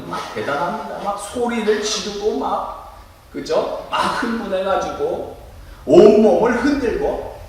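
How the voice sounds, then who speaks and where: A male pastor preaching a sermon in a church, lively and demonstrative, acting out loud cries to make his point. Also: medium pitch, slight background noise. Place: church sanctuary. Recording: echoey room, mic at a distance.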